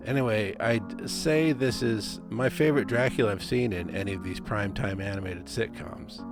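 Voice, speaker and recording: Creaky, low-voiced man doing wry commentary. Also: normal speed. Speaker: video essayist, narrator. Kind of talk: scripted commentary with casual asides. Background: music.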